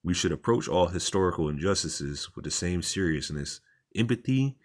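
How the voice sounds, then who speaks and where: A man's voice: sits low, animated, moderate pace. A man reading articles aloud and commenting on them in an informal, repetitive, plain-spoken way, as a religious commentator.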